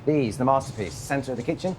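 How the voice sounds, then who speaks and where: A man's voice: medium pitch, fast, noisy background. Man giving a kitchen tour. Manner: descriptive, guiding. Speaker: restaurant cook. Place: restaurant kitchen. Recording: kitchen ambience behind.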